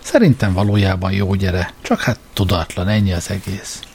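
A man's voice: low-pitched, a little mellow, breathy edge. A man voicing a weary, dry-witted homeless young man, speaking patiently and laconically in an audiobook. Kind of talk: audiobook character voice.

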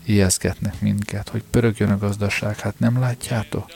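A man's voice: fairly low pitch, flat delivery, vocal fry, darkish tone. A man playing a weary, stubborn older shopkeeper father who grumbles sarcastically in an audiobook. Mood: ranting. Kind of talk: audiobook character reading.

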